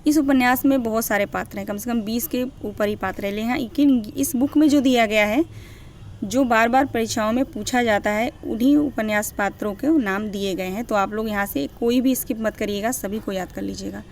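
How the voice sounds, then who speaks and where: A woman's voice: a little high, normal speed, a little hiss or hum. A young woman teaching literature for exam preparation. She reads out long lists of character names, checks in with her students, and corrects herself as she goes. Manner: corrects herself mid-list. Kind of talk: exam-prep lecture.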